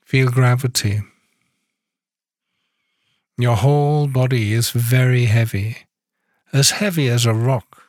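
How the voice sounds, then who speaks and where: A man leading a guided body-awareness meditation, giving calm, soft-spoken instructions with long pauses between phrases. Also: mid-range voice, dry recording, clean studio sound.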